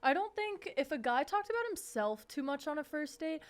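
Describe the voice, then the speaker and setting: Young woman co-host, slightly high voice, blunt and foul-mouthed, tells stories with lots of energy. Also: normal speed. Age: 20s. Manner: blunt, profane, animated storytelling. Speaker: podcast co-host. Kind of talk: casual chat.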